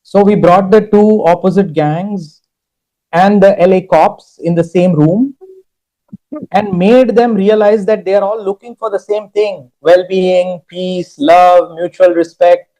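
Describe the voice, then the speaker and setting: A man's voice: high-pitched, fairly even intonation, unhurried, dark tone, low-quality recording. A man speaking as a guest at an industry summit, telling stories and stacking up points in lists. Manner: storytelling, emphatic lists. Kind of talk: conversational interview talk.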